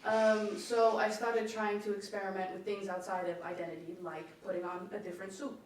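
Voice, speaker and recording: A woman's voice: medium pitch, little pitch movement, brisk, a little hiss or hum. A young woman, an art student, answering questions at an exam in a loose, rambling, self-deprecating way. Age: young adult. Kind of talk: casual exam Q&A. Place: echoey school exam room. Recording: echoey room, mic from far off.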